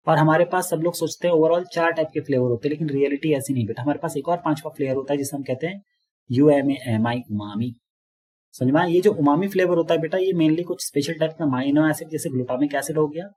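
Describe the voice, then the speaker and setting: Husky-voiced male biology teacher. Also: fairly high pitch, darkish tone. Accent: Indian English terms mixed into Hindi. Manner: explains patiently, keeps asking students if they understood. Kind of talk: online classroom lecture.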